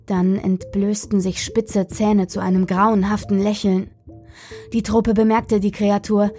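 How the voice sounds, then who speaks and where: A woman's voice: mid-range voice, dark tone. A woman narrating a first-person horror story in a tense, dramatic reading.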